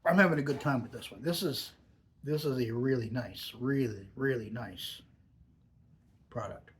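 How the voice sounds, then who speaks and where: A man's voice: mid-range voice, normal speed. A man giving a casual, off-the-cuff product review with a lip full of dip pouches, savouring and stressing his words as he goes.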